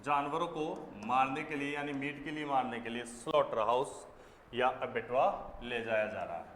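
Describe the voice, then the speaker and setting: A man's voice: medium pitch, moderate pace, a bit bright, in a large hall, a little hiss or hum. A man teaching exam vocabulary, explaining step by step and answering his own questions.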